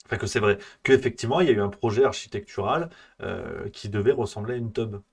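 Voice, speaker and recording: A man's voice: lowish voice, fast talker, vocal fry, darkish tone, breathy edge. A man hosting a live stream, ranting in a casual satirical way, rambling and mocking with many hesitations.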